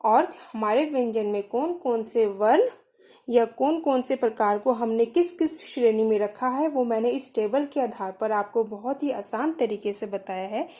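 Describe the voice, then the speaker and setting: A woman's voice: a little high, moderate pace, mellow. A young woman teaching a grammar lesson, patiently saying sounds one at a time for learners to copy.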